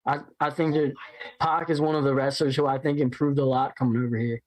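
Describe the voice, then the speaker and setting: A man co-hosting a casual watch-along, speaking enthusiastically and piling up one quick example after another. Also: mid-range voice, flat delivery, poor audio.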